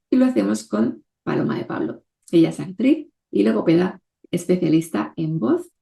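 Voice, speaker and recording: A woman hosting a podcast interview, talking in a measured way with frequent questioning tags. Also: lowish voice, creaky, warm tone. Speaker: podcast host.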